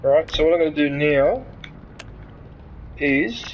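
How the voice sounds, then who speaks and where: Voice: mid-range voice, lively intonation, measured pace, muffled recording, a little hiss or hum. A streamer from Sydney chatting and ranting with swearing during a live game stream, heard as livestream headset audio. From Sydney, Australia. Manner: rambling, ranting, swears freely then apologizes. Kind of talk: live gaming stream chat. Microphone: headset mic.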